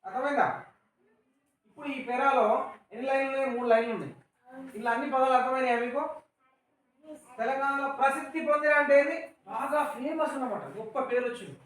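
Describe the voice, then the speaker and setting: A man's voice: very high voice, fairly even intonation, quick pace, pauses often, a bit bright, distant mic. Male schoolteacher, Telangana accent, patient call-and-response lesson, recorded from across an echoey classroom. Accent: Telangana Telugu. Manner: patient, explains words and asks questions. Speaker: teacher.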